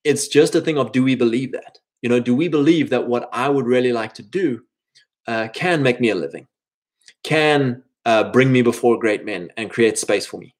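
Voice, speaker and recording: A thirty-year-old man speaks at a moderate pace in a medium pitch, offering other men advice. The monologue is informal and meandering, and he slips into quotes he imagines.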